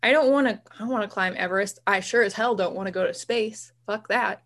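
A woman's voice: mid-range voice, a little fast, a bit bright. Woman co-host, chatty and rambling, easy laughter. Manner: enthusiastic about marine biology. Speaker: podcast co-host. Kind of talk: casual chat.

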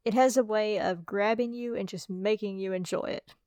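An American woman co-hosting a casual album review chat, steady and enthusiastic as she gives her notes. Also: medium pitch, normal speed, clean tone, no echo, clean studio sound. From United States. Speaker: podcast co-host reviewing albums.

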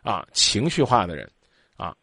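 This man hosts a radio call-in advice show, speaking a little slowly in a fairly low, slightly rough voice. Lively and blunt, he scolds the caller and acts out quotes, captured in studio quality without echo.

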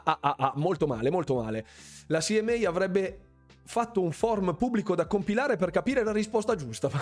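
A playful man hosts a live gaming quiz stream, chatting casually with his viewers. His voice sits a little high, and he repeats words in bouncy runs. Faint music plays softly behind him. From Bergamo, northern Italy. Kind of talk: casual livestream chat, greeting viewers.

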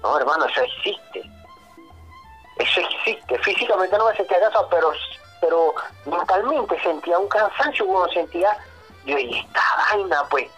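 A man telling a work story as a guest on a casual podcast, animated, swearing, often saying "brother". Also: high voice, normal speed, slightly rough, faint music behind, poor audio.

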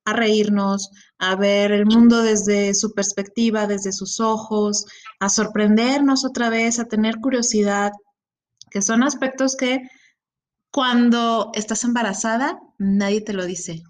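A middle-aged woman with a Mexican accent chatting on a panel, telling animated stories. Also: mid-range voice, a little slow. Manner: animated storyteller. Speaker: podcast co-host. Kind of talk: casual panel chat.

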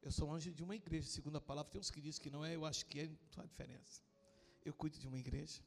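A middle-aged pastor from southern Brazil preaches with a fairly high voice. He tells his story with energy, acting out each person's lines and building to loud, fervent passages. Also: very fast, vocal fry, faint music behind. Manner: animated storytelling, acting out dialogue, rising to loud emotional preaching. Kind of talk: sermon with acted-out story.

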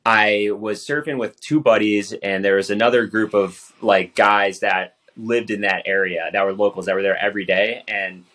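A man hosting a podcast, talking in a relaxed, conversational way with plenty of affirmations. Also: fairly low pitch, moderate pace, few pauses. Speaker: podcast host. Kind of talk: podcast interview.

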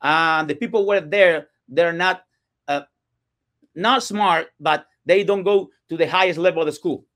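A Cuban guest on a casual podcast, a real estate entrepreneur, shares his story earnestly in second-language English marked by a Cuban Spanish accent, non-native grammar, and frequent restarts, recorded in a podcast studio. He speaks a little slowly in a slightly high, fairly bright voice.

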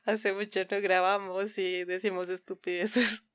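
A woman's voice: mid-range voice, level tone, measured pace, smooth, no echo, clean studio sound. A woman co-hosting a podcast in casual chat, giggly and informal, often poking fun at herself. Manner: giggly, frequently laughing. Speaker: podcast co-host.

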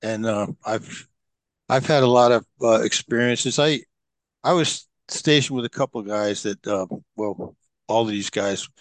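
This is a podcast guest, a middle-aged man whose fairly low voice moves at a measured pace. He tells long, meandering stories in a relaxed way, often restarting and using plenty of fillers, and the recording is dry.

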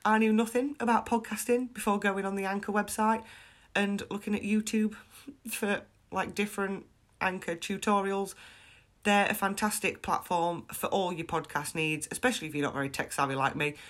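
A woman's voice: medium pitch, fairly even intonation, moderate pace. A woman with a chest infection, hosting a casual solo podcast in a chatty, frank, self-deprecating way. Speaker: podcast host.

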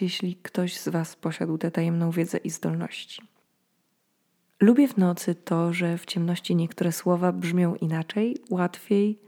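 A woman in her twenties recording a personal late-night podcast monologue, speaking quietly and reflectively, a little sleepy, as if telling stories. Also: fairly low pitch, vocal fry. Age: 20s. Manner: reflective, storytelling. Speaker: podcast host.

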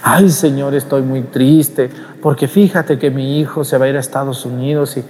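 A worried, whiny mother pleading for help in prayer, as a priest imitates her. She speaks near the man's own everyday pitch and leans into her complaint, and a long church reverb trails after each phrase. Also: steady tone, moderate pace, darkish tone, close to an everyday voice. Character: anxious pleading mother, middle-aged woman.

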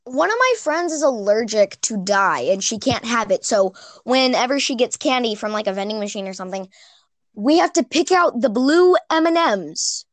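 A teenage girl co-hosting a casual podcast, excitable and prone to ranting in bursts full of "like". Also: fairly high pitch, normal speed, no room sound. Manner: excitable, rants in bursts with lots of "like". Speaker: podcast co-host. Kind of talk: casual chat.

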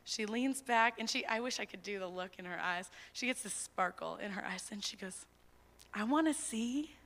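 Bright-voiced young woman preaching in a reverberant hall. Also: mid-range voice, fairly quick. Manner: conversational and earnest, with fillers and animated retellings. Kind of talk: sermon. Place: church hall.

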